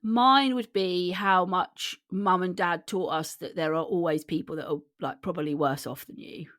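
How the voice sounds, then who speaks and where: A woman's voice: on the low side, moderate pace, a bit bright, no room sound, studio quality. A woman from England co-hosting a podcast, chatting casually and telling family stories with lots of fillers. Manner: chatty storyteller, many fillers. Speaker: podcast co-host. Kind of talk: casual chat.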